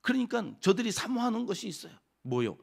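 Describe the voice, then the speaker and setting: Pastor, male, slightly high, gravelly voice; chatty dawn sermon, asks and answers himself. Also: sing-song, fairly quick. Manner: conversational, asks the congregation questions and answers them. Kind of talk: early-morning sermon.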